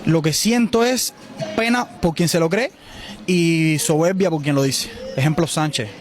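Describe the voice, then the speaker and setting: A man in his twenties with a Cuban Spanish accent, answering a street interview outdoors in a city in a forceful, outspoken way. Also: on the high side, a little slow, soft background music. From Cuba. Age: 20s.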